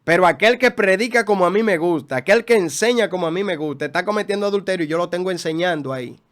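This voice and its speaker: A man's voice: high voice, fast talker, fairly bright tone. A man, a guest pastor teaching in a preaching style, emphatic, with rhetorical questions and repeated phrases.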